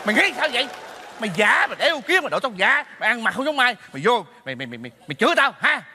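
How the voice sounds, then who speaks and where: An indignant stingy son. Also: male voice, very high voice, big pitch swings, sharp tone, some chatter behind, a little hiss or hum, full character voice. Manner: indignant, quick retorts. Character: stingy reclusive grown son. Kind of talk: stage comedy sketch. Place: theater stage.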